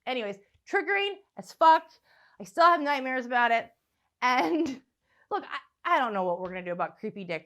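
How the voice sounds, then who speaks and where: A woman's voice: a little high, a bit bright. A young woman stand-up comic ranting profanely and sardonically, practicing her set into a phone at home. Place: room at home.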